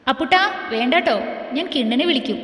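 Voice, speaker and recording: A woman's voice: sits high, expressive, brisk, fairly bright tone. A playful pouting young wife, as a woman reads her. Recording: echoey room with long reverb.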